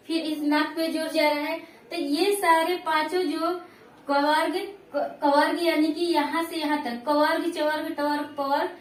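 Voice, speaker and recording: A woman's voice: sits high, echoey room, far from the mic. A woman teaching a lesson, patiently repeating points and checking that her students follow. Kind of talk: classroom lesson.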